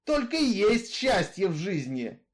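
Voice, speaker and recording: A man voicing a bitter, brooding male outlaw killer in a read-aloud story, in a rough folksy way of talking. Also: high-pitched, sing-song, a little slow, voice pushed up. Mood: fervent. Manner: rough folksy drawl, brooding, growling at times.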